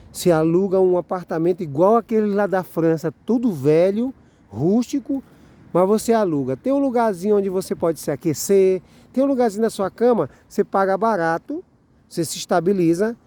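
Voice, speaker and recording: A man's voice: sits high, mellow. A middle-aged man with a Brazilian Portuguese accent, talking to viewers in a rambling, chatty vlog. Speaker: vlogger. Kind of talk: casual vlog chat.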